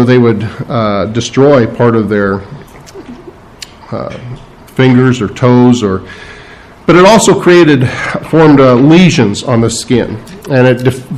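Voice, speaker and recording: A man's voice: mid-range voice, a little mellow, low-quality recording. A man preaching a verse-by-verse sermon, speaking unscripted with frequent fillers and restarts. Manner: unscripted, halting delivery with many fillers and restarts; explains scripture verse by verse, stressing key words. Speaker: pastor.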